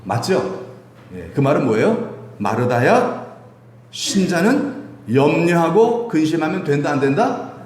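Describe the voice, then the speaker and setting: A male pastor giving a sermon, animated and quizzing his congregation with questions. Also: fairly high pitch, measured pace. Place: church sanctuary. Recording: echoey church hall.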